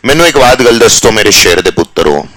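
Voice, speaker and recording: Deep-voiced, bright, teasing teacher. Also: male voice, lively intonation, fairly quick, dry recording. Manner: teasing, jokey, mixes English phrases into Hindi. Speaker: commerce teacher. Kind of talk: live classroom lecture.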